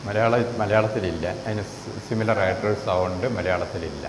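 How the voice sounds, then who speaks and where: A man with a Malayali accent teaching a phonetics lesson, repeating example words slowly and asking rhetorical questions. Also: on the low side. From Kerala, India. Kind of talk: classroom lesson on English vowel sounds. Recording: echoey room with faint background noise.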